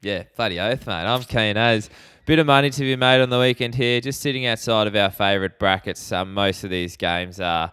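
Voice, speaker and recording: A man's voice: on the low side, fairly even intonation, brisk, hardly any pauses, sharp tone, clean tone, no room sound. A man with an Australian accent chatting casually as a sports betting podcast co-host, in a blokey, laid-back tradesman manner full of slang. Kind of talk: casual chat.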